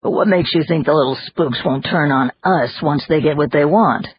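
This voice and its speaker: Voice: medium pitch, normal speed, a little hiss or hum, lightly acted. A narrator voicing a skeptical, sardonic man who speaks bluntly, in an audiobook. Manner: blunt and sarcastic. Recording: dull lo-fi audiobook recording.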